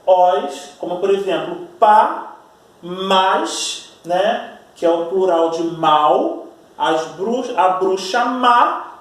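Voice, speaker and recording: A man teaching a Portuguese grammar lesson with a Brazilian accent, explaining patiently, drawing out example words slowly and checking in with his students. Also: sits high. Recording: echoey room, voice far from mic.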